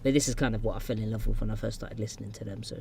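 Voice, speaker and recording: A man's voice: lowish voice, fairly even intonation, rapid-fire, creaky, darkish tone, slight background noise. A man co-hosting a music podcast, chatting casually with lots of fillers and restarts. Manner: rambling, filler-heavy, enthusiastic. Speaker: podcast co-host. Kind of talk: casual chat about music videos.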